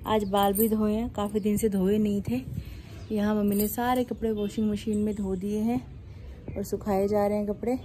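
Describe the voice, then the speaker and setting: A woman's voice: medium pitch, little pitch movement, normal speed, mellow, slight background noise. A woman narrating her daily vlog in a chatty, teasing way, asking lots of questions. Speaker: vlogger. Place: at home and out running errands.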